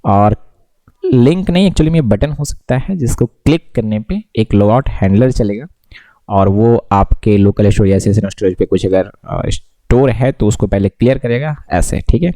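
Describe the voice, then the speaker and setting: A man's voice: lowish voice, moderate pace, mellow, dry recording. A man giving a casual screen-recorded coding lesson, mixing English tech words into his talk and often checking whether the viewer follows. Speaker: coding tutor.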